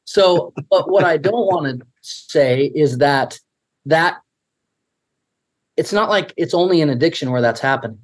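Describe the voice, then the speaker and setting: A man's voice: on the high side, animated, a little slow. Earnest man thinking aloud. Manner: earnest, restarts often while thinking aloud. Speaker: podcast co-host. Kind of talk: casual conversational discussion.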